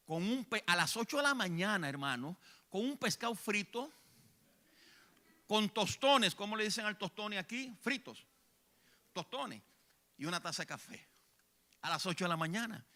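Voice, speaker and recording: A man with a Puerto Rican accent preaching a church sermon, swinging between hushed lines and shouted ones. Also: high-pitched. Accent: Puerto Rican Spanish. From Puerto Rico. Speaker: evangelist preacher. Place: church sanctuary.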